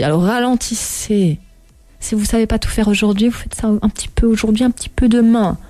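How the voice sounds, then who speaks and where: A woman host speaking in a slightly high voice with bursts of humor, repeating her points and cutting herself off as she goes. The recording is dry and close, with no room sound. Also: no echo. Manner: animated, jokey, self-interrupting, repeats herself. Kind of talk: casual motivational talk.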